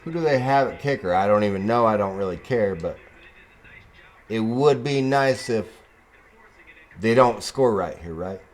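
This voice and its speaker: A man casually commenting on his own football video game play, chatting to the game and breaking into sudden excited whoops. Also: lowish voice, measured pace, pauses often. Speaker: gaming YouTuber.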